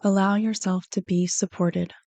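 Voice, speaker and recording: A woman reads a guided meditation from a script in the mellow, relaxed manner of a counselor. She gives gentle instructions at an unhurried, soothing pace and a level pitch. The recording is close and dry, with no room echo.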